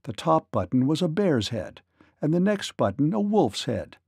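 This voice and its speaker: A man narrating a children's read-along storybook in an expressive, lilting manner. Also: fairly high pitch, moderate pace, creaky, breathy edge, no room sound, studio quality.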